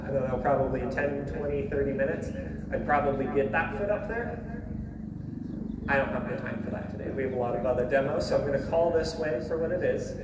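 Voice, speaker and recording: A distant, echoey recording with plenty of noise carries an American man's voice, pitched a little high. He is plain-spoken and folksy. He explains things casually as a horse trainer demonstrating his work. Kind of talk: casual spoken instruction while working. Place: live horse-trailer loading demonstration. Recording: distant, echoey, noisy live demo audio.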